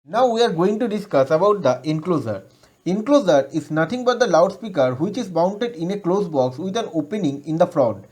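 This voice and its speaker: The voice is high, expressive and darkish, moving at a moderate pace. It belongs to an Indian-accented lecturer reading out a formal, scripted electronics lesson much as one would recite from a textbook.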